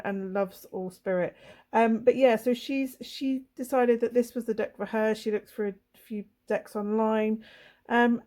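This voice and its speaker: A woman with laryngitis chats casually and apologetically while flipping through a tarot deck for her channel. Her medium-pitched voice has a dark tone and sounds hoarse, husky and throaty.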